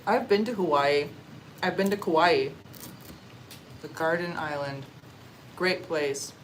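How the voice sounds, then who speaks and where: A young Canadian woman talks casually into her phone on a livestream, pausing to eat and hum with enjoyment. Her voice sits on the lower side and her manner is relaxed and chatty. A faint hum of ambient noise runs behind her. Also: low-quality recording. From Canada (Ontario). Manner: relaxed, chatty, eating on stream with murmurs of enjoyment. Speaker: livestream vlogger. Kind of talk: casual livestream chat reading comments. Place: outdoors or open space in a warm country.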